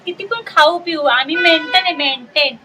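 A woman's voice: high-pitched, moderate pace, background noise. A middle-aged woman vlogging casually outdoors on an open ground, chatty and doting as she coos at her pet cat. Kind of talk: casual vlog chat.

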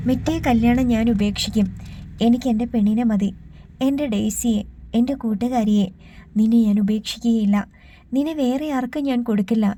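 Regretful young lover in an audiobook, pleading and tender, read by a woman in her own mellow, higher voice. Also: slight background noise, lightly acted. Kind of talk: audiobook reading.

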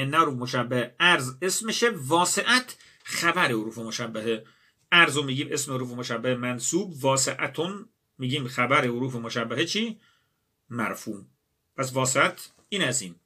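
Bright-voiced man teaching a lesson. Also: medium pitch, lively intonation, breathy edge. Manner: addresses students directly, asks and answers his own questions. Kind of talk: exam-prep grammar lesson.

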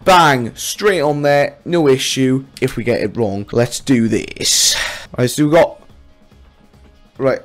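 In a small room at home, a young man leans close to a pop-filtered studio condenser mic, hosting a laid-back gaming challenge with exclamatory, self-deprecating commentary. His mid-range voice moves at a slow pace, and soft music plays in the background.

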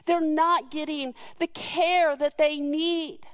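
A woman preaches from the pulpit, retelling the story with earnest warmth and the odd soft laugh. Her voice sits high, and she takes her time over each phrase. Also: steady tone, takes it slowly. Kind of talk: sermon.

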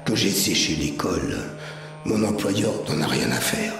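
A man giving a slow, measured dramatic reading of a dialogue, shifting between characters, heard from a distance in a roomy space with music behind him. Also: extremely low pitch, sing-song, creaky. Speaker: reader.

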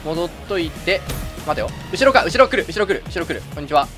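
A man doing casual gameplay commentary and chat, chatty, often stammering and restarting, with excited outbursts. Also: fairly high pitch, fast talker. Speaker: gaming commentator. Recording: loud game music and gunfire behind.

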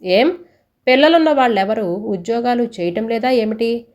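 A woman's voice: fairly high pitch, normal speed, a little mellow, natural voice. A woman storyteller voicing a practical young husband who firmly reasons with his wife. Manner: firm, persuading.

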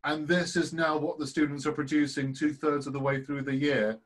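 A man's voice: a little high, steady tone, moderate pace. A man hosting an online student session, his voice sitting a little above average for a man. He is enthusiastic and effusive as he keeps the call moving between speakers. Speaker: host, course leader. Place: home, on a video call.

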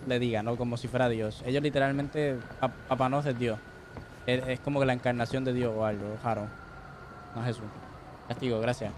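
A man's voice: mid-range voice, a little hiss or hum. A man giving live gameplay commentary as a streamer, joking, tossing in English words and yelping when startled. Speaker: gaming streamer.

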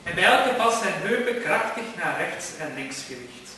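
A man's voice: high voice, very animated, normal speed, bright, forceful tone, a little hiss or hum. Man narrating dramatically in an echoey room. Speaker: reader and lecturer. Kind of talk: theatrical literary reading. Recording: very echoey room, far from mic.

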